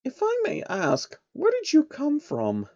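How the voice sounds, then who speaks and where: A man voicing a gentle, lonely female alicorn princess in a soft falsetto for a fan story. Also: wildly swooping pitch, unhurried, no echo, highs cut off, heavily acted. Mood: shy, friendly.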